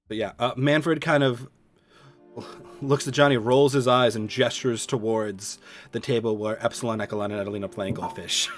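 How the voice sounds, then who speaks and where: Man as game master on a livestream, mid-pitched, chatty and self-deprecating, faint music behind. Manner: chatty, self-deprecating, quick to laugh at himself. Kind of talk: narrating a tabletop game on a livestream.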